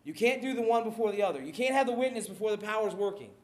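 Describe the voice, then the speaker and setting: High-voiced, laughing preacher man. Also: racing, reverberant. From Maryland, USA. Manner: animated, self-deprecating, laughs often. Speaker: pastor. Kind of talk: sermon.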